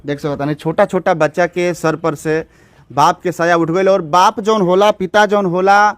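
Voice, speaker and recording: A man's voice: sits high, steady tone, normal speed, dry recording. A male local news reporter with a Bhojpuri accent, asking questions in an on-the-spot report and soothing the grieving family. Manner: soft, consoling with the children, urgent when questioning. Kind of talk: on-the-spot field report and interviews.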